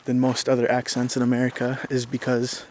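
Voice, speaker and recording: A young male vlogger from southern Minnesota rambles casually to the camera in a Minnesotan accent, full of fillers and restarts. His mid-range voice is completely flat and fairly quick, with faint background noise.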